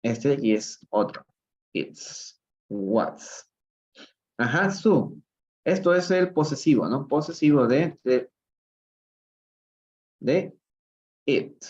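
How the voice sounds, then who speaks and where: A man's voice: mid-range voice, expressive, slow, long pauses, darkish tone. A man with a Peruvian Spanish accent teaching English live online, explaining step by step and asking questions of the chat. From Peru. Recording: slightly dull, lo-fi livestream audio.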